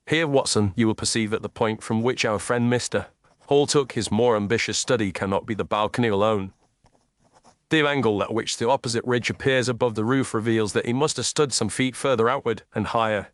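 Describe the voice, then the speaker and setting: A man voicing Sherlock Holmes, a shrewd, self-assured gentleman detective with a precise, formal, deductive manner, in an audiobook. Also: mid-range voice, a little fast, no room sound, studio quality, lightly acted. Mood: composed, analytical. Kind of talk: audiobook character dialogue.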